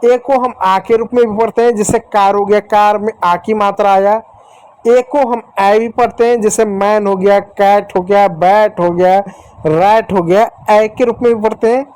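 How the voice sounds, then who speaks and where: A man teaching young children letter sounds in a patient, repetitive way, slowly sounding out letters and speaking to the children directly and affectionately. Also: sits high, fairly even intonation, a little mellow, clear, resonant tone, dry recording, low-quality recording. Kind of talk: phonics lesson for young children.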